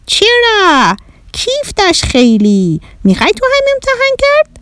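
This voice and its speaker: A woman's voice: very high voice, wildly swooping pitch, a bit bright, no room sound, voice pushed up, exaggerated voice. A woman voicing a curious, mischievous little Martian boy who talks in broken, childlike sentences. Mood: playful. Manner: broken ungrammatical speech, childlike wonder.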